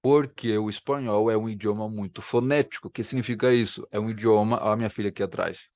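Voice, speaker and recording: Filming himself in a room at home with the camera facing him, a man gives an explanatory video language lesson, patiently repeating words to show how they sound. His voice is lowish, a little mellow, fast, and fairly even in intonation, and the recording is dry.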